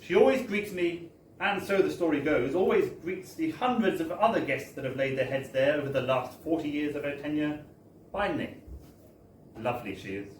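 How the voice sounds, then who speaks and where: A man reads a humorous book aloud at a live launch event held in a bar, delivering the comic story in a theatrical, wry, mock-formal manner. His voice sits on the high side, animated and moderately paced. The bar recording is echoey and distant, with faint noise.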